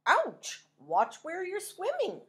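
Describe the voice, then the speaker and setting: A woman's voice: very high-pitched, huge pitch swings, slow, a bit bright, voice pushed up, full character voice. A woman voicing a prickly pufferfish who grumbles, then turns chatty and exclaiming. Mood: grumbling. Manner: gruff, then gossipy and exclaiming.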